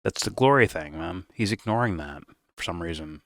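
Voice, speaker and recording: Deep, bright-toned man reacting casually. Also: animated, moderate pace, a little hiss or hum. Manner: loose, profane, stammering restarts with laughs. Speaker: reaction show host.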